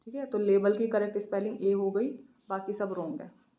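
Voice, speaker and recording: A woman teaching an English exam practice lesson, reading out questions slowly and explaining answers in a mix of Hindi and English. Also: mid-range voice, fairly even intonation, highs cut off.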